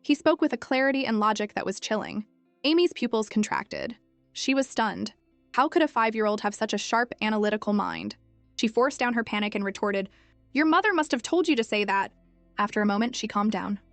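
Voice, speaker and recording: A woman narrating a story recap in smooth, steady scripted storytelling. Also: medium pitch, brisk, dry recording, soft background music.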